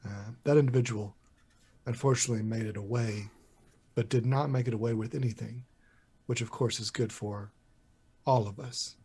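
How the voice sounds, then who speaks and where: A man's voice: medium pitch, steady tone, moderate pace, long pauses, warm tone, slightly rough. A man player speaking in character, polite and apologetic, hesitating with fillers. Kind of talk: in-character roleplay.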